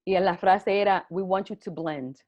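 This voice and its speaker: A middle-aged Puerto Rican woman being interviewed shares personal stories in a relaxed way, laughing frequently. She has a mid-range voice, a moderate pace and a Puerto Rican Spanish accent, and the sound is dull and lo-fi.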